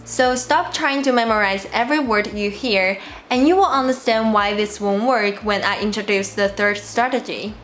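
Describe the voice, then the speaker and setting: Female Mandarin teacher and channel host, slightly high voice, clear and deliberate delivery, scripted lesson. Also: fairly bright tone, a little hiss or hum. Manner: clear, deliberate explaining to learners.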